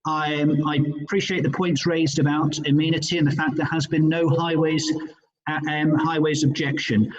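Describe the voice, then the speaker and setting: A male councillor making measured remarks, with frequent ums and restarts, over a video call that sounds muffled and hollow, as if he were inside a fishbowl. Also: fairly high pitch. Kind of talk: formal remarks at an online planning committee.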